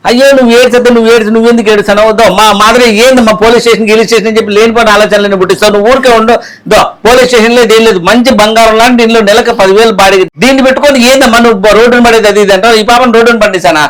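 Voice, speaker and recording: A man's voice: very high-pitched, steady tone, very fast, fairly bright tone. A man acting a flustered husband in a comedy skit, rambling and stammering excuses while pleading with his crying wife.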